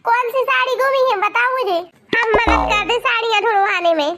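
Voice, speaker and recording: A woman's voice: very high voice, a little fast, over music. Woman voicing a fussy, scolding mother-in-law. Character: bossy scolding Indian mother-in-law, middle-aged. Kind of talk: cartoon voice acting. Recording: loud background noise.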